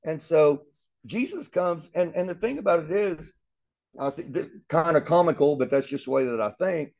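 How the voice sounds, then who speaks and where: A man's voice: a little high, animated, normal speed, gravelly, darkish tone. A man teaching a Bible lesson in an earnest way, often repeating words as he thinks aloud.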